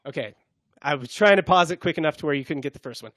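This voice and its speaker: A man's voice: fairly high pitch, quick pace, a bit bright, no echo. Rambling, joking man hosting a podcast. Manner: rambling, self-mocking jokes. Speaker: podcast host. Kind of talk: casual sports podcast chat.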